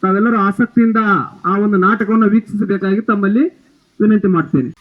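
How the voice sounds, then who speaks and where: A man steps up to introduce a children's school play, speaking formally and politely at a measured pace. His voice sits fairly high but stays flat and even in pitch. The recording is thin and tinny, like a phone line. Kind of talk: formal spoken announcement.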